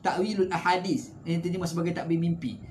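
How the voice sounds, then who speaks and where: Give me a fairly high-voiced man with a Malaysian accent, teaching scripture in a lively, conversational way. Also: quick pace, slight background noise. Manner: conversational, with rhetorical tag questions; animated swings in pitch and loudness. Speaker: religious teacher. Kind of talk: Quran commentary lecture.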